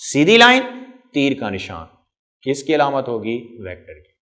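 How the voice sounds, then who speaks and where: A man's voice: medium pitch, wildly swooping pitch, measured pace, fairly bright tone. A middle-aged man teaching a physics class. He asks the class questions, answers them himself, and stretches out key terms. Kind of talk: classroom lecture.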